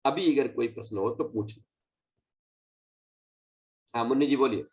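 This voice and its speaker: A man's voice: mid-range voice, normal speed, a little mellow, recorded from a distance. A man teaching a scripture class online, explaining patiently and correcting recitation.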